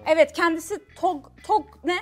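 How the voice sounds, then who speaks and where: A woman co-hosting a casual show, teasing the players with riddle-like clues and quickly turning down their wrong guesses. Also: very high-pitched, music in the background. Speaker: co-host. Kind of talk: casual chat, giving clues in a guessing game.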